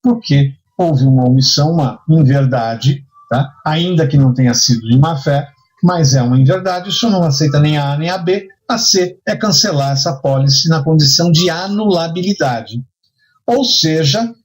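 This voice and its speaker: Here a Brazilian-accented man teaches insurance and risk management through a conversational lecture full of hypothetical scenarios. His fairly high voice is animated and moves at normal speed. Didactic in approach, he keeps asking rhetorical questions and checking that his audience follows.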